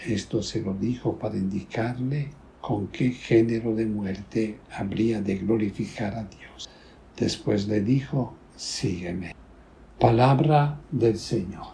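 A man speaking as a priest, reading scripture and prayers in a solemn, deliberate, expressive liturgical style. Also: on the low side, gravelly, a little hiss or hum. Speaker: priest celebrating Mass.

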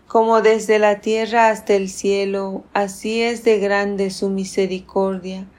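A woman serving as lector at Mass, reading scripture and psalms aloud in a measured, formal, restrained way. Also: medium pitch, little pitch movement, a little mellow.

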